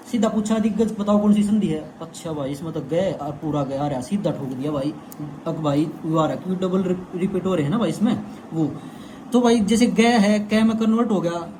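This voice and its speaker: A man's voice: high-pitched, dark tone, slight background noise. A young man teaching an exam-prep lesson in a chatty way, often calling the viewer "brother". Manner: chatty, repeats "bhai" to the viewer. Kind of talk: casual explainer lesson.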